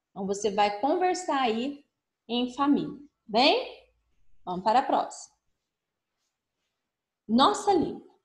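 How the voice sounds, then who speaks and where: A slightly high-voiced woman teaching young children, reading words slowly and stretching every syllable. She patiently repeats each question in simpler words. Her voice rings in a roomy, echoing space. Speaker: primary school teacher. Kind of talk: remote lesson walking through a workbook. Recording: echoey room.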